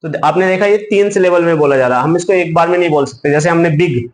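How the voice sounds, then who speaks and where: A man's voice: a little high, fast talker. A male teacher giving a grammar lesson, spelling words out letter by letter and answering his own questions. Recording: echoey room, faint background hum.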